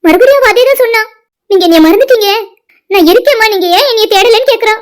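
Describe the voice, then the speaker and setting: Casting: woman doing a very high, fast-talking grieving mother in a cartoon, pleading. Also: expressive, slight background noise. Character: grieving mother calling for her lost daughter. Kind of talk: cartoon voice acting.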